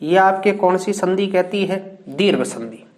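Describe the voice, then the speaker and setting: A man's voice: high-pitched, animated. A male teacher giving a grammar lesson, asking questions and answering them himself, drawing out each example word. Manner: slow, drawn-out word examples. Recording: echoey room.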